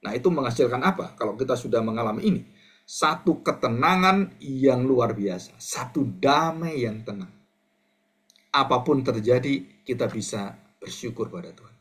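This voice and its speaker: A male pastor giving an animated sermon, acting out quoted voices and addressing the congregation directly. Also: moderate pace. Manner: animated, acts out quoted voices with big pitch jumps; addresses the congregation as brothers and sisters.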